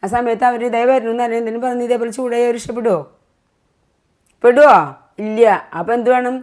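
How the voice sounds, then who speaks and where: A woman's voice: on the high side, little pitch movement, fast, darkish tone. A middle-aged woman speaking as a mother in a casual family vlog, lecturing earnestly and repeating her points. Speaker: mother vlogger.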